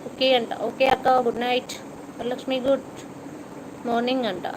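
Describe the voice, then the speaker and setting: A middle-aged woman hosts a live stream, chatting and teasing her viewers as she reads out their comments. Her voice sits a little high, with a slight cough. Steady noise and passing vehicles run behind her. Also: normal speed. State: has a cough.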